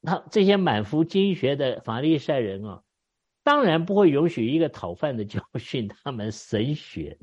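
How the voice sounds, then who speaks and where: A man preaching a sermon, with a husky tone and a lively pitch that rises and falls a lot. He tells the story with exclamations and wry asides. The recording sounds dull and lo-fi. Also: normal speed. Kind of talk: expository sermon.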